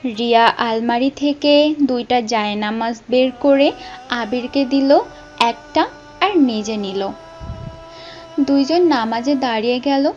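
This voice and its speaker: High-pitched woman narrating a love story. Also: takes it slowly, pauses often, a little mellow, dull audio, soft background music. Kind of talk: scripted romantic story narration.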